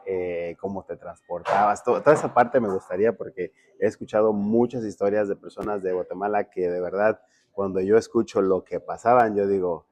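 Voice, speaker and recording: With no room sound in the recording, a man from Mexico hosts a casual podcast interview at normal speed. His low, darkish voice keeps fairly even intonation as he asks many friendly questions, frequently restarting and repeating words.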